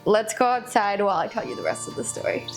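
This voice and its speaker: Wry storytelling woman over soft music. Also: medium pitch, fast talker. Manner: wry, expressive storytelling with comic asides. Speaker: vlogger. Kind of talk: storytelling narration.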